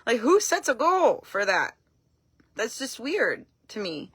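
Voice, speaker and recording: A woman talking casually on a live stream, frank and blunt, telling her story in an animated way and acting out what people said. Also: a little high, slow, slightly rough, dry recording. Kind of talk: casual talk to camera.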